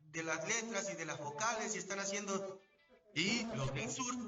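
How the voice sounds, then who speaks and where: A male voice actor with a Mexican accent, explaining at length in a measured, teaching way during a live event interview. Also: fairly high pitch, sharp tone. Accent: Mexican Spanish. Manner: didactic, measured, asks if understood. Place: event venue. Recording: echoey, distant, dull sound.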